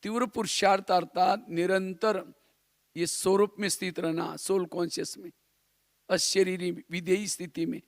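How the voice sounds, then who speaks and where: This Indian spiritual teacher's voice sits high and barely shifts in pitch as he speaks a little slowly. He instructs didactically, repeating phrases and asking rhetorical questions, in studio-quality audio with no room sound.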